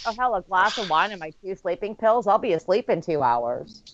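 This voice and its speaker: A woman's voice: medium pitch, very animated, fairly quick, lo-fi sound. A woman giving blunt, opinionated remarks in a casual chat among friends while watching a movie.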